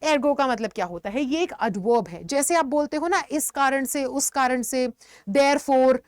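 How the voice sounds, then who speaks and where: A woman teacher explaining vocabulary in an online lesson, mixing Hindi with words and giving lively examples. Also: high-pitched, unhurried, no room sound, clean studio sound. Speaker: English teacher.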